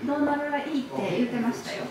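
A woman in her thirties chatting casually while browsing market stalls for a desk, exclaiming softly over what she finds. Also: high voice, brisk, crowd noise. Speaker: vlogger shopping for a desk. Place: indoor and outdoor market stalls. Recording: noisy market ambience.

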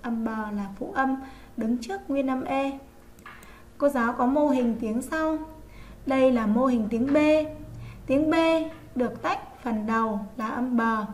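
A woman teaching an online first-grade reading lesson, sounding out letters slowly and clearly for young pupils. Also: fairly high pitch, a little hiss or hum. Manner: slow, clear, drawn-out pronunciation of sounds. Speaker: primary school teacher.

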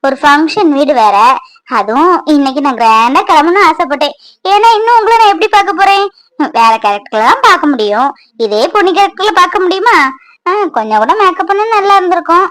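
A woman's voice: very high-pitched, very animated, brisk, a bit bright, dry recording, exaggerated voice. A woman voicing a chatty, playful pregnant young wife in a cartoon, who talks to her unborn baby.

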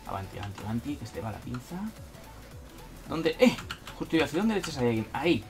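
Excitable gamer man, lively pitch. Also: fast talker, music in the background. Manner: excitable, talks to himself, frequent exclamations. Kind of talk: live gameplay commentary.

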